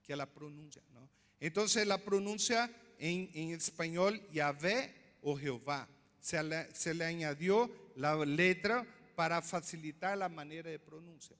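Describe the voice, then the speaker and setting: A man's voice: fairly high pitch, a little slow, fairly bright tone. Guy pastor giving a sermon, lots of questions to the crowd, long reverb from the church hall. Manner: teaching, asks the congregation questions.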